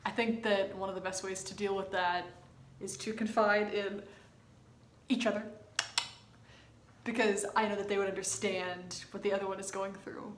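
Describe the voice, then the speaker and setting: A woman's voice: mid-range voice, level tone, moderate pace, long pauses. A young woman hosting a casual reaction video, chatty and opinionated as she comments on a TV episode. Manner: chatty, opinionated, bursts into laughter. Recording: roomy room with faint noise.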